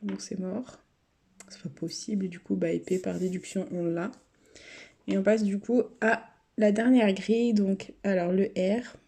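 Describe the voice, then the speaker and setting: A woman's voice: mid-range voice, fairly even intonation, unhurried, gravelly, dark tone, husky. A woman YouTuber giving casual running commentary to her viewers, chatty, sometimes dropping to mutters and whispers. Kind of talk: casual running commentary while scratching lottery tickets. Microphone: camera set up on a table.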